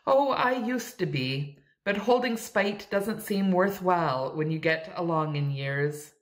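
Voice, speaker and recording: A woman's voice: fairly low pitch, unhurried, pitched above the performer's own voice, natural voice. A woman voicing a dry, patient older aunt. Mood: wry.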